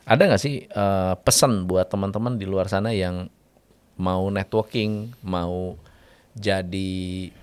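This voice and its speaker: Low-voiced male host. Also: fairly even intonation, takes it slowly, smooth. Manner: prompting, short agreeing fillers, slangy. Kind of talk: casual interview chat.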